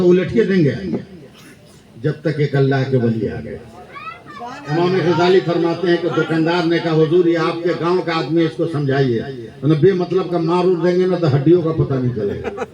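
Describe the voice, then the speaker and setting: A man with an Indian Hindustani accent giving a religious speech at a conference, telling a story with acted dialogue and working up to shouted calls for the crowd to answer. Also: a little high, dull audio. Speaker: preacher. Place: large conference gathering. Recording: echoey public address, crowd behind.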